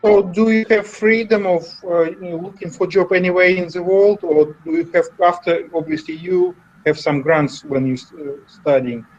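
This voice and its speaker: Male webinar host, high voice, halting phrasing, dull lo-fi call audio. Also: a little mellow, slight background noise. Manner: halting, slightly broken phrasing. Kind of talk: webinar interview.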